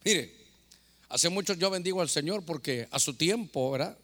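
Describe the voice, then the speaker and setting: A man preaching as a pastor, swinging between loud fervor and hushed storytelling. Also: fairly high pitch, lively intonation, normal speed. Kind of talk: sermon. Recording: long hall reverb.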